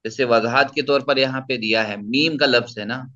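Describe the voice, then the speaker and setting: Male tajweed teacher, patient, repeats himself; bright tone, muffled lo-fi recording. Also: medium pitch, steady tone. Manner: patient, explains and repeats points. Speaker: Quran recitation teacher. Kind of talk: tajweed lesson with recitation.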